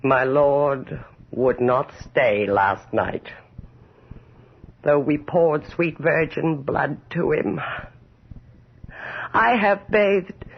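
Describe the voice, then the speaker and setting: A woman playing a vain, tormented aging countess in a radio horror drama, theatrical and declaiming, with a raspy, creaky voice. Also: deep voice, very slow, long pauses, heavily acted. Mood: brooding, despairing. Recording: dull, lo-fi old radio recording.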